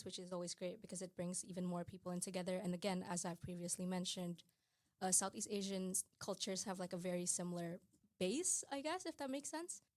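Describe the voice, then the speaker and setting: A young adult woman from Indonesia, a student guest, chats casually and fills her speech with frequent "like"s. Her voice is fairly low and a little mellow, with no echo.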